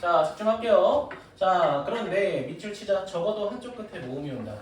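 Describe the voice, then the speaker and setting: Lively man teaching math in an echoey classroom. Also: high-pitched, brisk. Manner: joking, teasing students. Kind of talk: classroom lecture. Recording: echoey room, recorded from a distance with noise.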